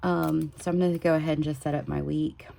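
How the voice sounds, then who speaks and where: A woman chatting casually at home while she sets up a weekly planner, sometimes drifting into a soft whisper. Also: low voice, flat delivery, quick pace, creaky. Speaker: planner vlogger. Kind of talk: casual plan-with-me chat. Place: home desk.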